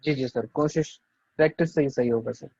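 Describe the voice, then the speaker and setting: A man's voice: mid-range voice, fairly quick, creaky, darkish tone, muffled recording. A man taking part as a student, politely asking his teacher a question. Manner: polite, deferential. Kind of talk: asking in class.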